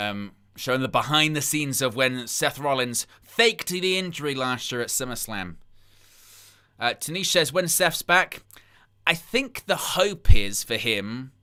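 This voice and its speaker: A man hosts a live wrestling watchalong in a mid-range, bright, smooth voice with a forceful tone. He rambles through incredulous asides and reads chat comments aloud between plugs asking for likes.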